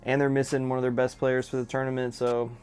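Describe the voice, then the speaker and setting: A young man, casually running through his picks in a relaxed, repetitive vlog chat. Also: medium pitch, fast, clean tone, faint music behind. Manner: laid-back, drawling, repeats himself, filler words. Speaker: fragrance vlogger.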